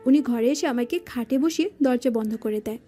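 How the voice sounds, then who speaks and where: A woman narrating a romance audio drama in the first person, telling it in a lively manner. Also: on the high side, a little fast. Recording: faint background music.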